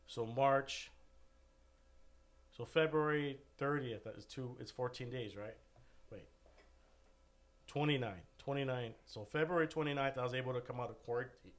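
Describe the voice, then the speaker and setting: A man chatting casually on a podcast, telling a long, rambling story and saying "dude" a lot, while still recovering from an illness. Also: mid-range voice. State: recovering from covid, still short of breath. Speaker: guest.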